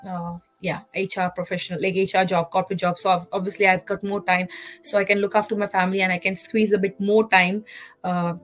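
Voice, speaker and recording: A woman's voice: mid-range voice, level tone, brisk, a bit bright, poor audio. Woman from India, 30s, chatty interview guest, loose and filler-heavy, faint music behind. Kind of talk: casual interview.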